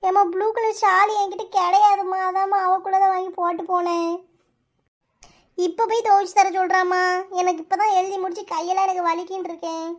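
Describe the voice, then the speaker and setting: A woman's voice: very high voice, little pitch movement, fairly quick. A woman with a Kanyakumari Tamil accent voicing a young daughter who pleads and defends herself to her mother in a cartoon. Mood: defensive pleading. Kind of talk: cartoon voice acting.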